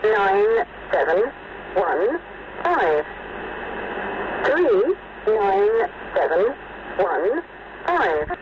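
A synthetic-sounding female voice recites digits in a numbers-station monotone, each number dragged out very slowly with long gaps between. It comes through a narrow, tinny shortwave band buried in static hiss. The pitch lifts and drops across each digit while the delivery stays machine-like. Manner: reads single digits one by one, spaced apart, in a flat machine-like monotone. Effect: flat numbers-station monotone over shortwave radio.

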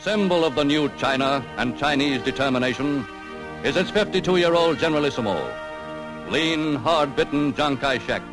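A man's voice: on the high side, moderate pace, low-quality recording. Man announcing on an old newsreel. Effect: old 1930s newsreel sound. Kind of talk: 1930s newsreel narration. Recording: old newsreel audio with music underneath.

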